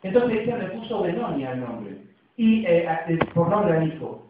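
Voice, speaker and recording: An Argentine man preaches with a high voice, talking conversationally and checking in with his listeners through frequent tag questions. He is heard from far off in a very echoey church, through a thin, phone-like sound. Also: big pitch swings, moderate pace, background noise. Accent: Argentine Spanish. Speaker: pastor. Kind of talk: sermon.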